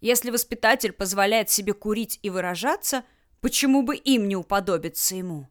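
A woman's voice: mid-range voice, a little fast, lightly acted. A woman reading an audiobook, voicing a hysterical, indignant older woman who shrieks and squeals. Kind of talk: audiobook character voice.

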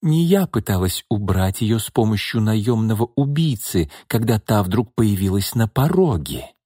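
A man's voice: on the low side, big pitch swings, moderate pace, dark tone, husky, dry recording. Cold, mocking woman seeking revenge, male reader voicing her, audiobook, dry sound. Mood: icy mocking. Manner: pleading, then icy and mocking. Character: cold vengeful woman back from the dead.

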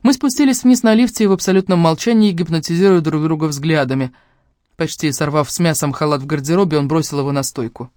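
A woman's voice: low-pitched, fast talker, darkish tone, no room sound. Woman reading a first-person audiobook. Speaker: audiobook narrator. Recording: dry close studio sound.

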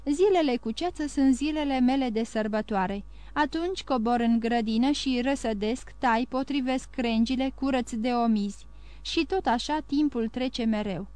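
A humble man of 55 who keeps a telegraph post and tends his garden, giving plain and modest answers as a woman reader voices him. The voice is fairly high, smooth and clear, recorded with no echo. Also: a little mellow, close to an everyday voice. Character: humble 55-year-old male telegraph keeper, contented gardener.

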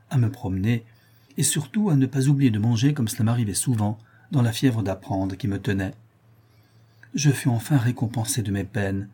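Male audiobook reader, calm literary narration, warm dark tone, a little raspy. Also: mid-range voice.

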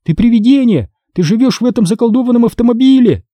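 A man voicing a frightened twelve-year-old boy in an audiobook, pleading and shouting. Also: very high voice, expressive, fast talker, no room sound, voice pushed up. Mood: desperate.

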